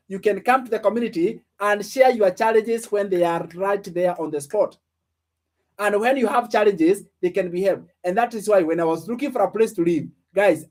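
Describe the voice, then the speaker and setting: A man's voice: high-pitched, darkish tone. A man in his late twenties giving a motivational business lesson, asking his listeners questions and repeating phrases for emphasis. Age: 20s. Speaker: online business coach. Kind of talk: motivational teaching.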